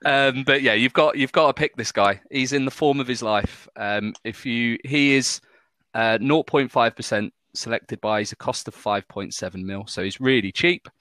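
A man's voice: mid-range voice, moderate pace, bright, forceful tone, no echo. A man with a Maltese accent chatting casually as a panellist on a football podcast. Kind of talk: casual fantasy football chat.

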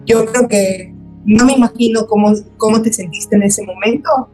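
A woman's voice: on the high side, normal speed, mellow, soft background music, low-quality recording. A woman host in casual conversation, attentive, answering with short affirmations and explanations.

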